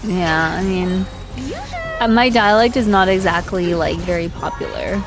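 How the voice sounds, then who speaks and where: A woman's voice: on the low side, a little slow, poor audio. Casual, slangy woman streamer over music. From China. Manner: slangy, sweary, candid. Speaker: livestreamer. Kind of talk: casual livestream chat while gaming. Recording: music playing behind voice.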